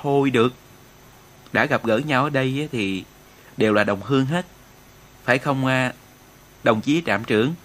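Give me a man playing a jovial, ceremonious army commissar, loud and formal, for an audiobook. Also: mid-range voice, normal speed, long pauses, natural voice. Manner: loud, ceremonious speech-making.

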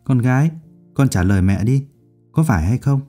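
A man voicing a middle-aged mother in a storybook, gentle and coaxing with her daughter. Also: mid-range voice, expressive, normal speed, soft background music, close to an everyday voice.

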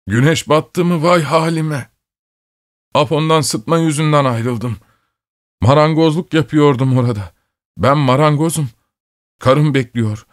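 A man's voice: fairly low pitch, breathy edge. A man voicing a feverish, frightened carpenter who pleads in a trembling, wheezing voice while crying.

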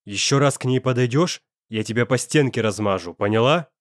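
A man's voice: medium pitch, a little fast, dry recording, clean studio sound, close to an everyday voice. A man playing an angry young male student who talks in a coarse, slangy, threatening way. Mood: menacing.

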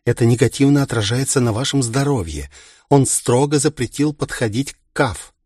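A man's voice: medium pitch, moderate pace, darkish tone, breathy edge, no room sound, clean studio sound, natural voice. A man voicing a strict, scolding middle-aged woman who looks after a young clan heir. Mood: stern. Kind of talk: audiobook character reading.

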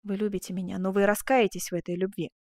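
A woman's voice: medium pitch, little pitch movement, fast, darkish tone, no echo, natural voice. A woman reads a young man torn and pleading in a storybook. The delivery is earnest and agitated, close and dry to the mic.

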